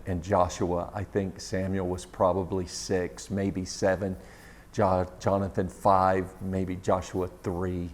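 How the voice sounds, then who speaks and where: Man, middle-aged, sermon storytelling, conversational, lowish voice. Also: a little hiss or hum. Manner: conversational, warm storytelling with laughs.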